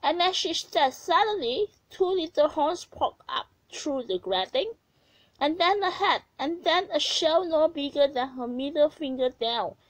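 A woman narrating a children's story aloud in a gentle, expressive way. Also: high voice, no echo, poor audio.

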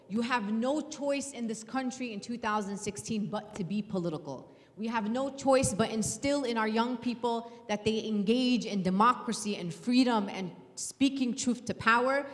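A woman's voice: on the high side, fairly bright tone. A woman in her thirties from New City, speaking earnestly and with emphasis at a panel event on a handheld mic. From New York City. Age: 30s. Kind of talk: impassioned panel talk. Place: event hall, indoors. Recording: hall reverb.

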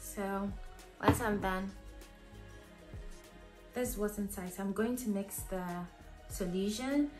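A young woman with a medium-pitched voice, slightly hoarse from a cold, moves slowly through a casual hair tutorial, leaving long pauses and using many ums and restarts. She's indoors in her living room, with a camera in front of her at desk distance. The room echoes, and soft music plays in the background.

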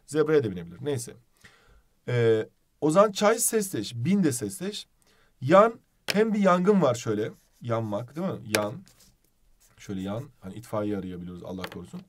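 A man teaching a video lesson, playful and animated, asking questions as he explains. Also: medium pitch, normal speed, slight background noise.

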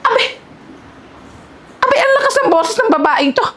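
An indignant homeowner in a short film drama, fending off accusations in a very high, lively voice. She talks dramatically and with exasperation, with clear outdoor noise around her. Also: a little slow, heavily acted.

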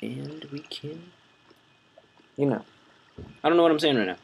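A man's voice: a little high, moderate pace, gravelly, a little hiss or hum. A young man hosting a gaming channel, rambling and correcting himself as he comments on his play and talks to viewers.

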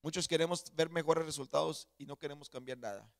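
Male pastor, slightly high voice, dry close sound, animated sermon delivery that swings loud to soft. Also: a little fast, vocal fry, dry recording. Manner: animated, shifts from shouting to near-murmur. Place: church sanctuary.

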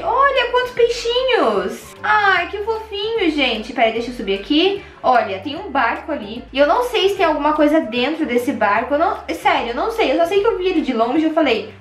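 A young Brazilian woman with a Brazilian Portuguese accent, hosting an excitable Minecraft let's play and gasping at every find. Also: high voice, reverberant. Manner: excitable, gasping, squealing at finds. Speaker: gaming channel host.

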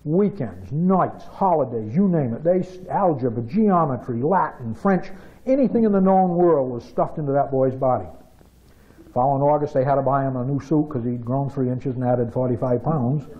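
A man's voice: medium pitch, normal speed. A man, telling a folksy story in a dry, drawling way. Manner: dry, drawling yarn-spinner. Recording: dull lo-fi radio audio.

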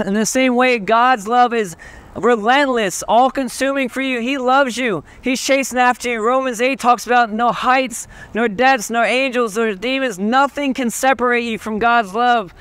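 A man's voice: very high-pitched, fairly even intonation, normal speed, a bit bright, clean tone, no room sound. A young man with a Southern US accent preaching outdoors on a street, earnest and pleading, with a few restarts. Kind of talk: open-air street preaching.

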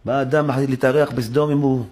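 A man giving a sermon as a rabbi in a synagogue, preaching in an animated way and acting out dialogue with sudden high-pitched exclamations.

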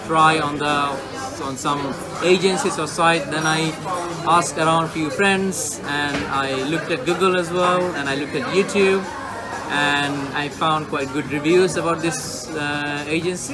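A Bangladeshi man in his thirties, a client being interviewed, answers questions casually and hesitantly with many fillers while seated indoors beside a brick wall. His voice is on the high side and unhurried, with loud music behind it.

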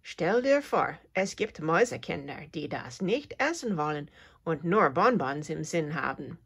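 A woman's voice: sits low, expressive, a little slow, husky, heavily acted. A woman voicing a caring mother mouse who grumbles and scolds but is kind at heart, in a storybook reading. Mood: tender. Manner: grumbling, then warm.

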